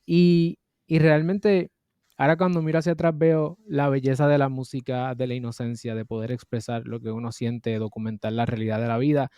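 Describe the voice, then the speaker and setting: A Puerto Rican man in his thirties speaks in a measured, reflective way as an interview guest. His voice is mellow and warm, recorded dry and close. He often pauses and fills gaps with small hesitations. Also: medium pitch, level tone, smooth, no room sound. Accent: Puerto Rican Spanish. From Puerto Rico. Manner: thoughtful, measured, with frequent fillers. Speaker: interview guest, music lawyer and entrepreneur.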